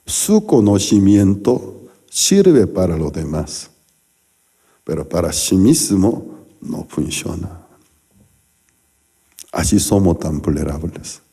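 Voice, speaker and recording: A man's voice: deep voice, very animated, takes it slowly, vocal fry, long pauses, warm tone, husky. A male pastor delivering a sermon, telling stories animatedly with acted-out quotes and sound effects.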